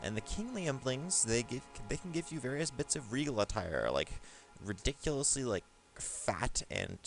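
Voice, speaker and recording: A man's voice: on the low side, vocal fry. A man giving a casual, rambling game review over gameplay, with lots of fillers and restarts.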